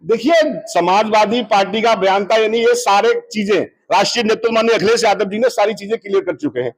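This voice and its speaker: Very high-voiced man answering the press. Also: brisk, rough recording. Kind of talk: press statement to reporters.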